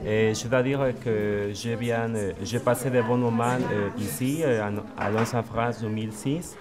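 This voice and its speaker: A young man from Mexico, a Spanish speaker, introducing himself in hesitant French with many pauses and fillers. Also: mid-range voice, fairly even intonation, crowd noise. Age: young adult. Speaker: student visitor. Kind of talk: casual self-introduction to camera.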